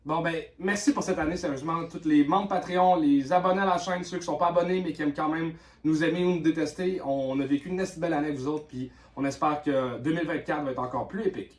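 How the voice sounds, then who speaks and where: Un homme, animateur de l'émission, clôt l'année sur un ton détendu et blagueur. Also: male voice, a little high, fast talker, hardly any pauses, echoey room. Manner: relaxed joking banter. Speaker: show host. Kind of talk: casual closing chat.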